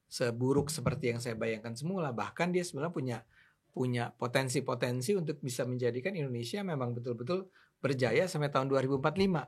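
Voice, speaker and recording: An older man in a casual talk show, telling his side of a political falling-out in an animated, opinionated way. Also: medium pitch, husky. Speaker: political commentator.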